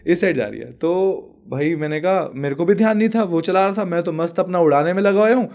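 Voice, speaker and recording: A man's voice: sits high, fast talker, creaky. Young man laughing through a story. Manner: animated, laughs often while telling a story. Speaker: podcast guest. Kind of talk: casual storytelling chat.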